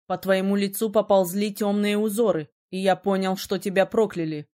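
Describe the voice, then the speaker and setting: Woman voicing a sharp-tongued young mage. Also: medium pitch, steady tone, moderate pace, lightly acted. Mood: explaining. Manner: teasing, then gruff and commanding. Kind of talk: audiobook character reading.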